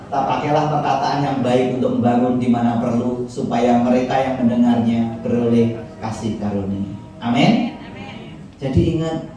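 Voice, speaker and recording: A man preaching a sermon to his church, with animated delivery that leaps up in pitch when he quotes people. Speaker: pastor. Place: large church hall. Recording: very echoey hall from far off.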